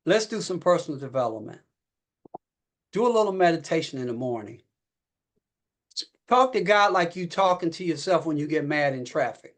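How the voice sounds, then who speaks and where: Male motivational speaker, rather high voice, folksy and preachy, repeats himself, climbs in pitch when excited. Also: moderate pace, long pauses. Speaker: network marketing leader speaking on a company call. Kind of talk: motivational pep talk.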